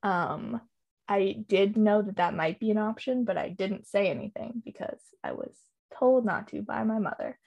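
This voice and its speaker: A woman's voice: medium pitch, normal speed, gravelly, darkish tone, muffled recording. A woman hosting a casual podcast chat about hockey news, talking chattily with lots of fillers and laughs. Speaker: podcast host.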